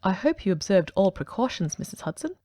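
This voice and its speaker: In an audiobook reading, a woman voices a brilliant male detective whose speech is brisk, precise and ironic. Her mid-range voice swings widely in pitch, with a warm tone close to how she'd normally talk, and the recording is dry.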